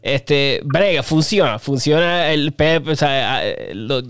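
Animated man telling stories. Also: fairly high pitch, unhurried, clear, resonant tone, dry recording, studio quality. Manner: animated storyteller, acts out reactions. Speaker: podcast host. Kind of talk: casual podcast conversation.

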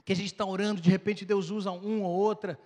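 A male pastor preaching a sermon with animated, dramatic storytelling. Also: sits high, brisk, long reverb tail.

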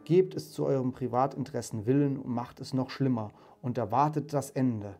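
A man's voice: medium pitch, moderate pace, creaky, mellow, faint music behind. A man reading aloud, voicing a solemn, sorrowful Christmas spirit in a raised, grave tone. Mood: accusing.

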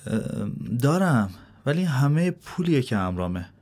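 A man voicing an eager, unsure young employee in a spoken story, speaking quickly and a bit pleadingly. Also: medium pitch, big pitch swings, darkish tone, pitched above the performer's own voice. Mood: hesitant.

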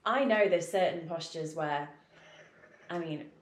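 Woman, lowish pitch, casual podcast talk, many fillers, echoey room. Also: measured pace. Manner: chatty, laughs often, many fillers. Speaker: yoga studio manager judging teacher auditions. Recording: roomy echoey recording.

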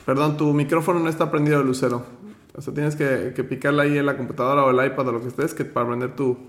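A man's voice: mid-range voice, fairly even intonation, fast talker, reverberant. A man hosting an online finance workshop, teaching with motivation and firmly running roll call. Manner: firm, direct, gives instructions.

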